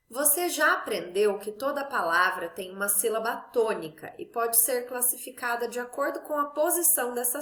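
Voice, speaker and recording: A woman with a fairly high voice talks young pupils through a grammar lesson, slowly stretching the stressed syllables of her example words. The sound is echoey, as if she is in a bare room. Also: a bit bright. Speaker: teacher. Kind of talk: recorded Portuguese class for children.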